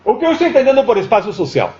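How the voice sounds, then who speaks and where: This guest lecturer speaks very fast in an extremely high voice with huge pitch swings and a slightly mellow tone. Thinking aloud in a university lecture room, he restarts and tags his points with "certo?", all on a dull lo-fi recording with a little hiss or hum.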